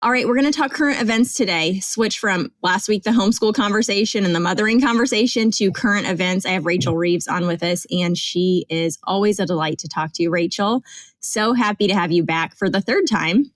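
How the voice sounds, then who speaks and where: A woman's voice: medium pitch, fairly quick, no echo. A woman in her forties hosting a podcast in casual chat, reading sponsor codes and laughing often. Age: 40s. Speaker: podcast host.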